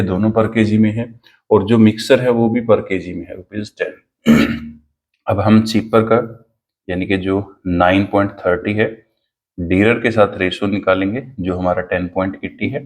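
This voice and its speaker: A man teaching an exam-prep math lesson, explaining each step slowly and dictating a word problem. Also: on the low side, darkish tone.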